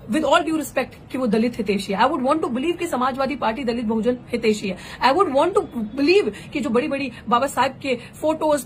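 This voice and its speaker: A woman's voice: fairly high pitch, a little hiss or hum. A woman activist and candidate giving an impassioned live political address, rhetorical and fervent, slipping English phrases into her speech.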